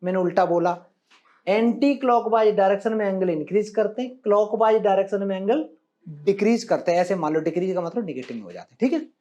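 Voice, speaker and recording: A man's voice: sits high, animated, fast talker, mellow, muffled recording. A male maths teacher giving a classroom lecture, coaxing his students with questions and affectionate calls of "beta" and "bachcha".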